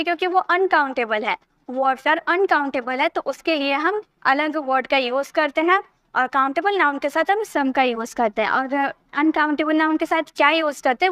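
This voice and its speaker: A woman with a high, bright-pitched voice teaches vocabulary. She explains each word patiently with simple everyday examples. The sound is close and dry, with no room echo. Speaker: English teacher. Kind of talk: vocabulary lesson.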